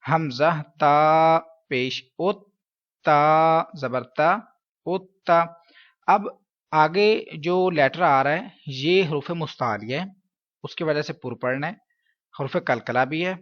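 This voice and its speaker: A man with a Pakistani Urdu accent teaches Quran reading, spelling out letters in slow, drawn-out drills and checking in with "okay?" along the way. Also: fairly high pitch, a bit bright, muffled recording. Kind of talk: step-by-step recitation lesson.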